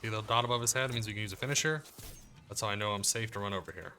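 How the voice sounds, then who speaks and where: A man giving casual commentary as he plays through a video game guide, relaxed and explaining as he goes. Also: on the low side, very fast, faint music behind. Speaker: gaming guide creator. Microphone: desk mic, muted to cough.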